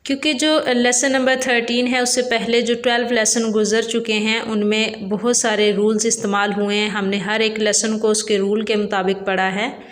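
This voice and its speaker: A woman's voice: fairly high pitch, little pitch movement, normal speed, hardly any pauses, reverberant. A woman teaching a Quran reading lesson with a Pakistani Urdu accent, explaining each rule patiently and repeating it twice.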